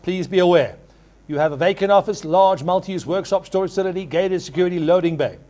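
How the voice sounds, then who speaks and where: High-pitched man calling an auction. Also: dark tone. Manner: repeats figures in rapid chant when taking bids. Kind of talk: live property auction calling.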